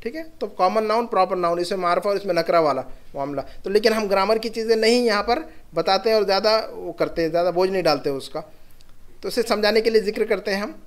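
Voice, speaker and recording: A man's voice: high voice, fast. A man teaching an Arabic grammar lesson, patiently repeating example words and sentences.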